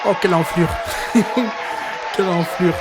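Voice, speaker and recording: Male panelist, loud reactive heckles, high voice, noisy studio audience behind. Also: unhurried, a loud crowd. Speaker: panelist on a TV show. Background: studio audience and noise.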